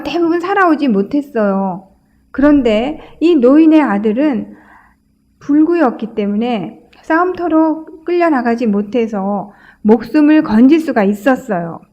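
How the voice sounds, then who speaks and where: A woman's voice: fairly high pitch, a little mellow, highs cut off. A woman pastor giving a sermon, telling stories conversationally with frequent filler sounds.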